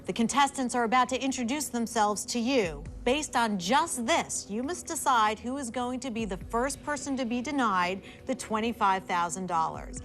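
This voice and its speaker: A woman hosts a game show in a brisk, directing manner, her voice sitting fairly high. Faint music plays behind her. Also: animated, fairly bright tone. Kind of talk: scripted game show hosting.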